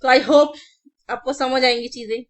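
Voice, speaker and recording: A woman's voice: high voice, steady tone, unhurried. A woman vocabulary teacher giving an online exam-prep class, chanting word lists over and over and explaining memory tricks in casual Hindi mixed with English. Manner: drills word lists in repeated chanting runs; addresses students familiarly.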